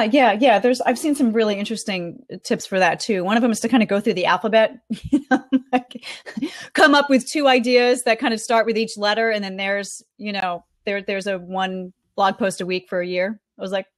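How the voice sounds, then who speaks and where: A woman talking casually as a podcast guest. She is chatty and animated, often stops to laugh or search for a word, and her voice sits in an ordinary middle range. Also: mid-range voice, normal speed. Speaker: guest reporting on a marketing conference.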